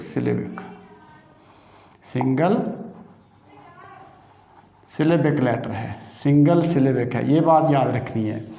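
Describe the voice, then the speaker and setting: A man with a slightly high, dark-toned voice and vocal fry teaches English pronunciation rules. He explains patiently, step by step, repeating each key term, in a dull, lo-fi recording made in an echoey room.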